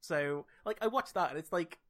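A man's voice: a little high, normal speed, fairly bright tone. A man co-hosting a casual podcast, rambling with lots of "like" and dry jokey asides. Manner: rambling, full of "like" and restarts. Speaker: podcast co-host. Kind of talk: casual chat.

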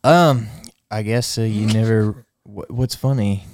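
Low-voiced man with a Missouri twang. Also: a little slow, darkish tone, dry recording. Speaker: podcast cameraman. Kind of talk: casual podcast chat.

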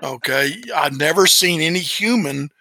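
A man's voice: a little high, normal speed, creaky, bright, forceful tone, no room sound. A man in his late fifties, an interview guest and former coach, telling family stories in a casual, folksy, plain-spoken way. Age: late 50s. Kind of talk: casual storytelling.

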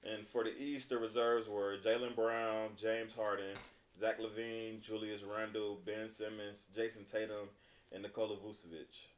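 A man's voice: on the low side, level tone, a little slow. A man hosting a casual basketball chat, reading out stats and news in a laid-back, slangy bro style. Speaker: host of a basketball talk show. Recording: echoey room.

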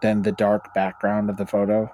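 Rambling, low-voiced man. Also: monotone, moderate pace, mellow. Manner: rambling, with many fillers and restarts. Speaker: podcast co-host. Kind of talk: casual chat and reading spooky stories.

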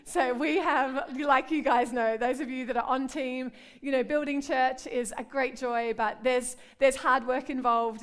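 With a high, clean-toned voice and an Australian accent, a middle-aged woman pastor gives a heartfelt sermon and prayer at a women's gathering. Warm and earnest, she keeps repeating "God" and "Lord."

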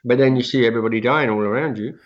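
A man's voice: mid-range voice, very fast, muffled recording. An older man with toothless, slightly slurred speech, reminiscing casually as an interview guest. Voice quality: toothless, slurred speech from having all teeth out. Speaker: interview guest, veteran skydiving suit maker.

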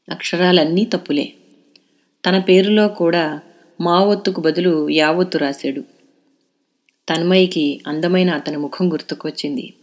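A woman narrating a serialized audio novel in a calm, steady storytelling manner. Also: low voice.

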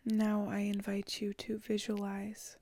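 A woman leading a guided meditation, speaking slowly and softly, often dropping into a whisper. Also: medium pitch, monotone, dry recording. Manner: slow, soft and soothing, often whispered.

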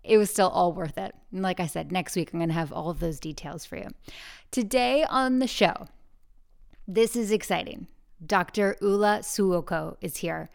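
A woman hosting a podcast in casual, chatty talk, recorded alone in a huge, high-ceilinged room with lots of echo on a portable travel mic. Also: vocal fry. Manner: chatty and bubbly, jokey asides. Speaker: podcast host. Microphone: portable travel microphone.

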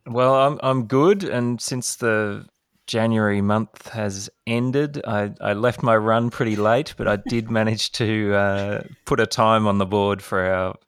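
A man's voice: on the low side, fairly even intonation, a little slow, smooth, no room sound, studio quality. An Australian man hosting a running podcast in casual, upbeat chat with his co-host.

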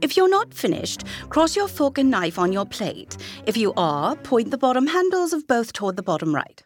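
Woman doing prim palace etiquette tutor lady, theatrical, high and swoopy, faint music. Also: sing-song, normal speed. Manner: instructive, theatrical. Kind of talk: audio drama acting.

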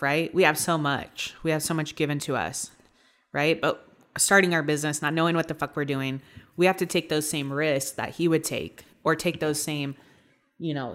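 A woman's voice: deep voice, fairly bright tone. A woman hosting a podcast, chatting in a candid, casual way and swearing freely. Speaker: podcast host. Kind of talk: casual conversation.

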